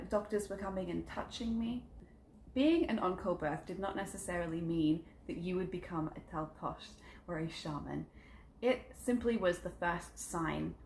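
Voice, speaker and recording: The recording carries a roomy echo, faint ambience and a little hiss or hum. In it, a roughly thirty-year-old psychic creator with a fairly low, darkish voice introduces herself in an earnest, chatty vlog, umming frequently as she recounts stories of her family and spirituality.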